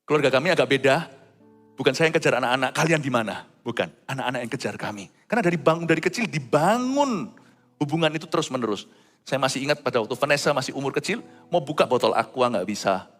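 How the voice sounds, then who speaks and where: A middle-aged man preaching a sermon, swinging between loud high exclamations and hushed low asides. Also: lively intonation, quick pace, long reverb tail, faint music behind. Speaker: pastor.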